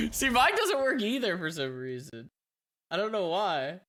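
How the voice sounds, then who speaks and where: Man with a high-shifted voice changer. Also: huge pitch swings, measured pace, fairly bright tone. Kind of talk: casual roleplay chat over voice chat.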